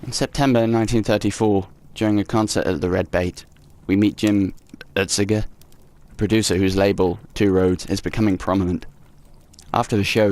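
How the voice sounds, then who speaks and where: A young let's play host with a low, creaky, slightly mellow voice casually comments on a horror game as he plays. He reads in-game notes aloud, gets sarcastic, and swears at the game, with faint game music behind him.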